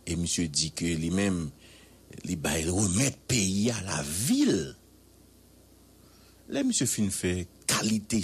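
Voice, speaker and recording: Male Haitian radio commentator, husky tone, wildly lively delivery, emphatic and repetitive. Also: low voice. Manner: emphatic, drawn-out repetitions, proverbs and rhetorical questions. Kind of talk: animated news commentary.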